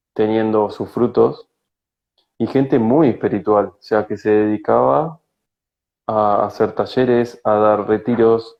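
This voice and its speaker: A man with a Rioplatense Argentine accent speaks in a low, gravelly voice that stays flat and unhurried. He pauses and restarts often as he reflects in an interview. The sound is muffled, lo-fi video-call audio. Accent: Rioplatense Spanish. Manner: slow, searching, with frequent hesitations. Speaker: spiritual guide, guest.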